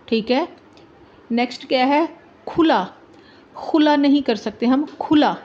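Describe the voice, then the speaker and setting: Female teacher, slow and repetitive, high-ish voice, muffled recording. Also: darkish tone. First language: Urdu. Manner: repeats letters and words, checks in with "ठीक है". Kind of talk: slow, deliberate alphabet lesson for teachers and children. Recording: dull lo-fi recording.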